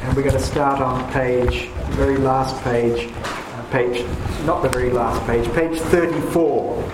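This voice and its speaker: A man's voice: medium pitch, fairly even intonation, measured pace. A man leading a poetry class, talking with enthusiasm and many restarts as he rambles. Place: room with paintings, a group seated. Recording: echoey room with background noise.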